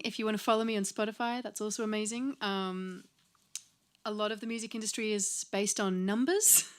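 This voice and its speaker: A woman's voice: medium pitch, clean tone. A woman in her forties chatting casually between songs at a home live stream, laughing often and filling gaps with ums. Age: 40s. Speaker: singer-songwriter hosting a live stream. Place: home lounge.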